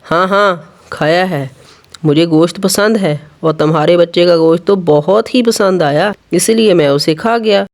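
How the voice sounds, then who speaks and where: A storyteller voicing an arrogant, greedy male heron who boasts and gloats in a children's animated story. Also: medium pitch, moderate pace, natural voice. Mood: defiant.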